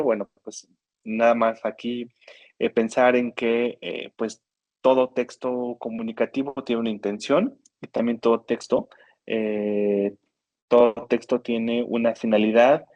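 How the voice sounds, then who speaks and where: A man's voice: medium pitch, a little mellow, no echo. Hesitant Mexican Spanish man teaching grammar. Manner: hesitant, many fillers and restarts; addresses students with frequent tag questions. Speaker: university writing instructor. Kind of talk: recorded lecture on grammar and spelling.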